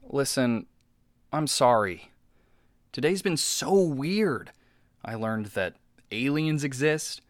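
A man's voice: mid-range voice, animated, slow pace, long pauses, dry recording. A man hosting a comedic advice show, talking earnestly and sometimes sounding exasperated. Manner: earnest, exasperated, eager to please.

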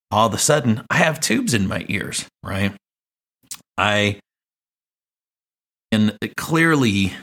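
A man in his late forties hosts his own podcast, reminiscing in a reflective, meandering way. His voice sits somewhat low, and he doubles back with restarts and side comments as memories surface. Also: fairly bright tone. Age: 40s. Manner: reflective, rambling with restarts and asides. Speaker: podcast host. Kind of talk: personal storytelling monologue.

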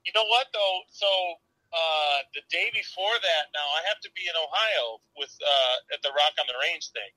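Male caller on speakerphone, high, tinny-bright, dry, teasing banter. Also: lively intonation, moderate pace, dry recording. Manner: joking, teasing. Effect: heard over a phone on speaker. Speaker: guest calling in by phone. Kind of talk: casual chat.

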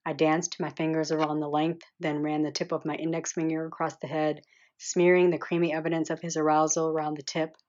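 A woman with a deep voice narrates an audiobook in the first person. Her reading is soft, intimate and measured. The recording sounds a little dull and lo-fi. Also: level tone.

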